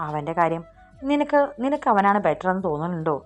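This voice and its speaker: Brief: woman voicing a possessive young boss, sly and jealous, lowish tone, soft music underneath. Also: very animated, fast. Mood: sly, angry.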